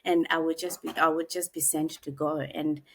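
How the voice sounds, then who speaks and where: A Zimbabwean woman in her 40s, an author and executive coach, tells personal stories as a podcast interview guest. Her voice is deep and husky yet fairly bright, with a level tone, and she is reflective and unhurried, pausing often with frequent "um".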